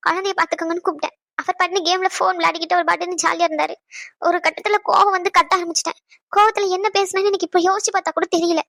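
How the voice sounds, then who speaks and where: A woman's voice: very high voice, gravelly, a bit bright, dry recording, full character voice. A woman voicing an upset young married granddaughter in a cartoon, talking in a hurt, pleading way. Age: young adult. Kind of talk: cartoon voice acting.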